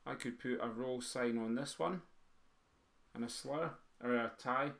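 A man leads a beginners' music writing lesson for pipe band drummers. He counts the beats out loud and sings the rhythms in drum syllables. Now and then he stops to quiz his students. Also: mid-range voice, measured pace, creaky. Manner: quizzes the students. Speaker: drum teacher. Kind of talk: teaching a music theory lesson.

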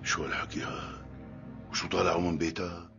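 A man's voice: deep voice, little pitch movement, fast, gravelly, fairly bright tone, lo-fi sound, soft background music. An actor playing a solemn, devout middle-aged family man in a Syrian period drama, grave in manner, with a Damascene accent. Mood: guarded, grave.

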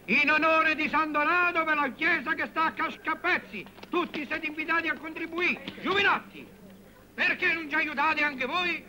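A middle-aged actor playing a village town crier in a film comedy, crying out public news. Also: male voice, extremely high pitch, fairly even intonation, moderate pace, pushed and bright, slight background noise, heavily acted, poor audio. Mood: proclaiming. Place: village square, outdoors.

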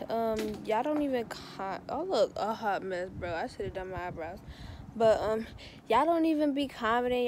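A young woman talks to her viewers from a park in loose, slangy vlog chat, a little out of breath. Her voice sits a bit high. The handheld phone audio carries clear outdoor noise around her. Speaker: vlogger.

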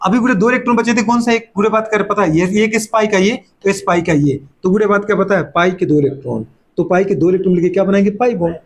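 A middle-aged man teaching chemistry to a class, firing off rhetorical questions and playfully scolding students, sometimes voicing their replies. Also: high voice. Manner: fast repeated catchphrases and rhetorical questions. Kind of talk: classroom lecture.

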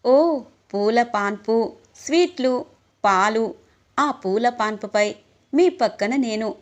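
A woman voicing a shy young wife on her wedding night, gentle and wondering. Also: a little high, slow pace.

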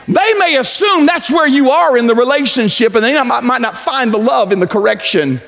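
A pastor in his forties preaching a sermon on a large church stage, pacing as he talks and swinging from loud to low. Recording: echoey church hall.

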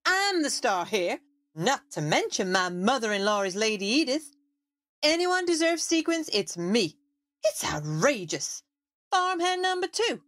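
A woman's voice: a little high, big pitch swings, unhurried, a bit bright. A woman playing a vain diva. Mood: haughty. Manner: haughty, indignant. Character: vain diva Sissy, wants star billing.

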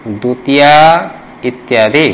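A man's voice: mid-range voice, takes it slowly, a bit bright, a little hiss or hum, poor audio. A man teaching Sanskrit grammar in a traditional classroom lesson, repeating points and quizzing students for answers.

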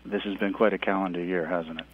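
A middle-aged man, a physician guest on a radio interview, speaking in a measured, hesitant way with many fillers. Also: low-pitched, fairly even intonation, a little hiss or hum. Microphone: phone line. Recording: tinny phone line on radio.

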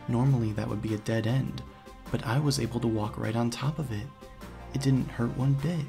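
A narrator and let's player reads the hero's first-person story lines from a script in a video game playthrough, with music behind him. His voice sits mid-range and carries vocal fry.

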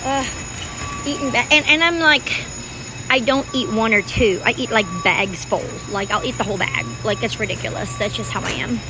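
A woman's voice: on the high side, moderate pace, music in the background, rough recording. A woman vlogging as she shops in a large store, chatting to her viewers in a rambling, casual way. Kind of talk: casual chat while shopping.

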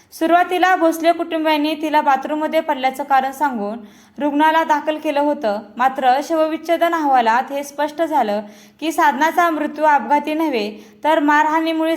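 A woman narrating a true-crime story in a scripted, solemn way, speaking directly to her viewers. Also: high voice.

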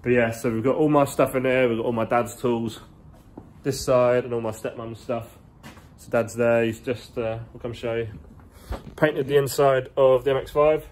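A young man in his twenties, a car vlogger, chats casually while strolling through a large indoor garage workshop, holding his phone at arm's length to record. His voice is medium in pitch and a little mellow, with a steady tone and normal speed, and his talk is rambling and full of slang. There's slight background noise.

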